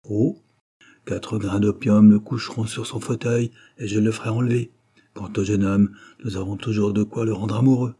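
A man's voice: lowish voice, fairly even intonation, normal speed, dark tone, slightly rough. A man reading as a sly old bandit. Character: scheming old male bandit, sly and gallant.

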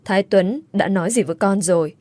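A woman voicing an older father who speaks in a calm, measured, sorrowful way. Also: medium pitch, no echo, lightly acted.

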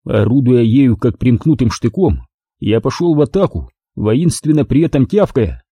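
A man reading a first-person story aloud in a wry, animated narrating style. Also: mid-range voice, normal speed, husky, no room sound. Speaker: audiobook narrator.

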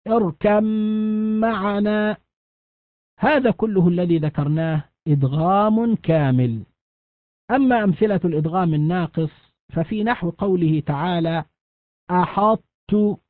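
A man giving a recorded lecture on Quran recitation rules, slowly drawing out each example word. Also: fairly high pitch, no room sound, phone-quality sound. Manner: slow deliberate recitation of examples.

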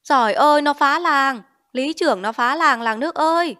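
A woman's voice: normal speed, fairly bright tone, lightly acted. A woman voicing a stubborn, learned older village man who argues and cries out in an audiobook. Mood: outraged crying out. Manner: argumentative, shrill when angry.

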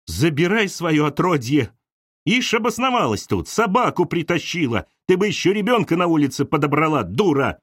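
A man's voice: lively intonation, unhurried, darkish tone, no echo, studio quality. A man reading an audiobook voices a hysterical, jealous young woman who shrieks her accusations. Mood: furious. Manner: shrill, sobbing and screaming accusations.

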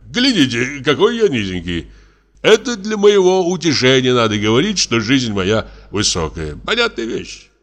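A man's voice: mid-range voice, wildly swooping pitch, normal speed, fairly bright tone. A man reading a play aloud, voicing a wry, self-mocking old army doctor.

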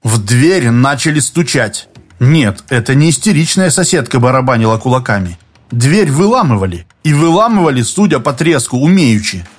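A man reading a science-fiction novel aloud in steady, scripted first-person narration. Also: medium pitch, normal speed, slightly rough, faint music behind. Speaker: audiobook narrator.

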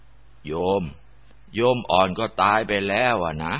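A man's voice: deep voice, slow pace. A man voicing an old village abbot monk. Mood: soothing. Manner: calm and soothing, turning stern. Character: elderly village abbot monk, calm then stern. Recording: dull lo-fi recording.

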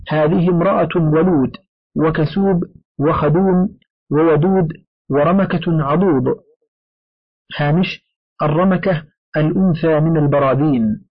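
Husky-voiced man reading a classical text. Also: fairly high pitch, no room sound. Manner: steady formal recitation, reads out footnotes. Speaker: audiobook reader. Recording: dry, dull lo-fi recording.

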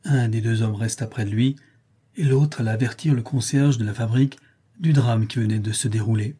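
A man narrating a story aloud in a measured, storytelling way. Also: medium pitch, dark tone, breathy edge. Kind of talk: audiobook reading.

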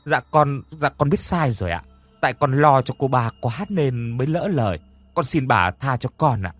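A man voicing a timid female servant who stammers and pleads in a hushed voice. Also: mid-range voice, expressive, normal speed, no room sound, faint music behind, close to an everyday voice. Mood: timid pleading. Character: timid frightened female servant, middle-aged.

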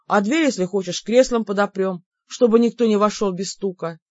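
A woman's voice: medium pitch, normal speed, no room sound, highs cut off, lightly acted. A woman voicing a naive, apologetic young man who keeps begging his sister's forgiveness, in an audiobook. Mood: pleading, apologetic. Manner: pleading, sheepish.

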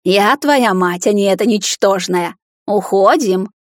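Storybook villainess: taunting witch mother, read by a woman, mid-pitched, commanding. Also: normal speed, a little mellow, no echo, studio quality, close to an everyday voice.

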